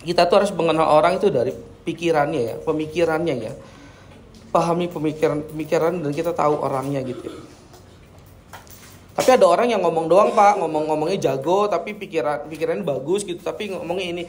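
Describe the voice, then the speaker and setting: A man's voice: on the high side, fast talker, a little hiss or hum. A man teaching students in a classroom lesson, chatty and full of tag questions.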